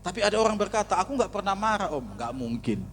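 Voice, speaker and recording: A man preaching a sermon in church, animated, rising to near-shouts and acting out little scenes. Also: high voice, quick pace, creaky, slight background noise. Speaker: pastor. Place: church hall.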